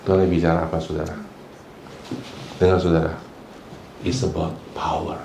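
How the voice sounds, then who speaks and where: A man's voice: low voice, level tone, moderate pace, vocal fry, reverberant, slight background noise, low-quality recording. A pastor preaching a sermon who mixes English phrases into his talk, asks his congregation for responses and acts out the people he quotes. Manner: acts out quoted people, sometimes loud and shouting. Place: church hall.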